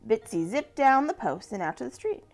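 Animated woman reading a children's story. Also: moderate pace. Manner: gentle, animated reading with lively pitch swings.

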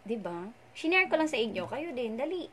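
A young woman, a radio host, runs a casual live stream from home, chatting playfully and reading out viewers' names and greetings. Her voice is a little high, very animated and brisk, with crowd noise behind it.

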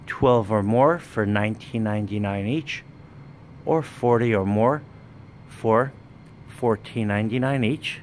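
A man, running a wholesale business, giving a plain walkthrough sales pitch in a warehouse, listing items one by one while filming on a handheld phone. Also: slight background noise. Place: indoor warehouse with dress racks. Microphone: handheld phone camera, speaker off screen.

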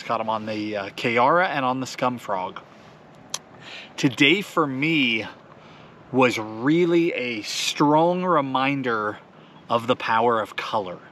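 A man's voice: medium pitch, a little hiss or hum. A man in his thirties hosting a fishing show, talking casually and explaining to camera from a small boat on a lake. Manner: relaxed, explanatory, chuckles often. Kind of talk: casual outdoor talk to camera. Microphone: camera mounted on the boat.

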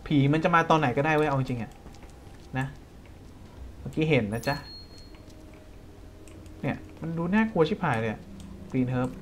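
A man with a Thai accent giving casual, jokey let's-play commentary, breaking into quick startled exclamations. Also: mid-range voice, slight background noise. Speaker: gaming streamer.

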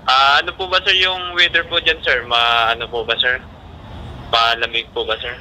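A man's voice: medium pitch, steady tone, normal speed, echoey room. A polite man over a static-filled walkie-talkie. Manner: polite, deferential, with hesitant fillers. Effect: heard over a walkie-talkie radio. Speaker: radio operator answering a range check. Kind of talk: radio check exchange. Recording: distant radio voice with heavy static.

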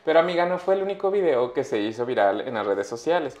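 A man's voice: medium pitch, sing-song, fast talker, a little mellow. A man with a Mexican accent, co-hosting a casual gossip chat with a teasing, joking manner. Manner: teasing, joking, laughs often. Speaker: gossip show co-host. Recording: roomy echo.

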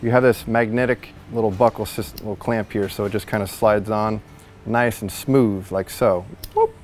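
A man in his thirties reviews store products in a large indoor warehouse, giving a chatty, jokey walkthrough on a lapel mic and laughing at his own slips. His voice is fairly low, fairly even in intonation, and at normal speed.

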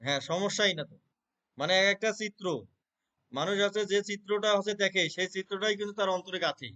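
An earnest man answers questions in a relaxed conversational way. His voice sits a little high for a man. He leans on filler words and keeps checking that the listener is following. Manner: earnest, repeats filler words, chants verses rapidly in recitation. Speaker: Gita reciter.

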